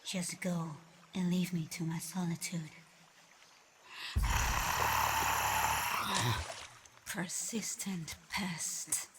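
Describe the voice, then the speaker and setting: Speaking slowly and with control in a flat line, a woman with a fairly low pitch portrays a reclusive, haughty she-dragon for ASMR roleplay. She comes across as annoyed and threatening, menacing and mocking yet curious. Background noise is audible under her voice.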